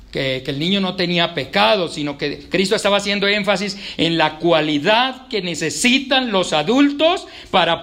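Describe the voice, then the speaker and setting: A man's voice: high-pitched, a bit bright. A man preaching a sermon in a church, emphatic and conversational with touches of humor.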